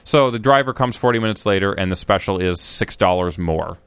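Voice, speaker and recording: A man's voice: deep voice, brisk, fairly bright tone, clean tone, no echo. A man co-hosting a podcast, telling a long rambling story in casual chat with frequent restarts. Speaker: podcast co-host.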